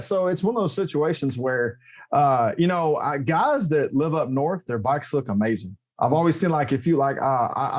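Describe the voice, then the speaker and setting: A man guesting on a motorcycle podcast, talking in a loose, easygoing way. He tells his stories animatedly, jokes often, and his voice jumps up in pitch when he stresses a point. His voice sits at an ordinary middle pitch for a man. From Texas. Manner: animated, joking storyteller with emphatic pitch jumps. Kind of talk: casual interview chat.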